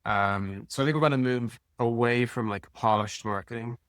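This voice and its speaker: In clean, studio-quality audio with no room sound, a man with a mid-range, slightly bright voice answers interview questions at a moderate pace. He's casual and plain-spoken, like an executive chatting informally about his work.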